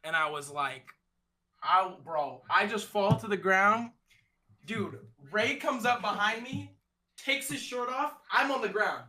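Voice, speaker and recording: A young man who is a streamer guest recounts a story in a relaxed conversation, his high voice bright and a little sharp. He keeps a measured pace while talking in a slangy, animated way, imitating the voices of others involved.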